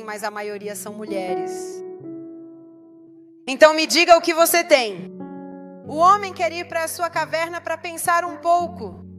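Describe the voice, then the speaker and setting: A woman pastor preaching a sermon, emphatic and putting rhetorical questions to the congregation. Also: high voice.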